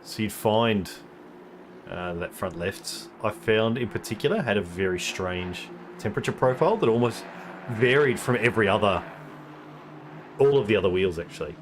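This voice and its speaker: Give me a low-voiced man doing live race commentary, thinking aloud with lots of ums. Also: normal speed, slight background noise. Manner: thinking aloud, explaining tyre details with many ums. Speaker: sim racing commentator.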